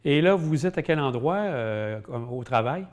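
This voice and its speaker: A man's voice: on the high side, expressive, a little slow. Male interviewer, polite questions. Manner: polite, formal questioning with fillers. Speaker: TV interviewer, host.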